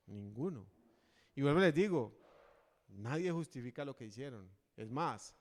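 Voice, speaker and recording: Preacher in a reverberant church. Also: male voice, mid-range voice, darkish tone. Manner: earnest, rhetorical questions, acts out voices of a crowd. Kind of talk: sermon.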